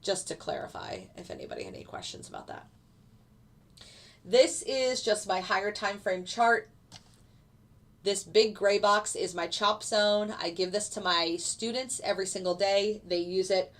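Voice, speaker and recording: A woman's voice: medium pitch, very animated, moderate pace. A woman with a stuffy, congested voice from a cold, explaining her live trades casually and answering viewer questions with fillers. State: stuffy nose from a lingering cold. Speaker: futures day trader streaming live. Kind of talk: live trading commentary answering chat.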